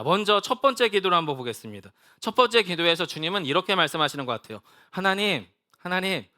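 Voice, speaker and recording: A man preaching a sermon as pastor, dropping to a soft hush on key points and leading the congregation in reading scripture together. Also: a little high, clean tone. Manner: acts out Jesus' prayers in plain casual speech, then drops to a soft hush.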